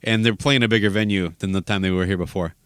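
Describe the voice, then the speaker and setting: A man's voice: fairly low pitch, steady tone, fast talker, smooth, no room sound, studio quality. A man hosting a podcast interview, chatty and joking. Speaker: podcast host. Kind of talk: casual interview.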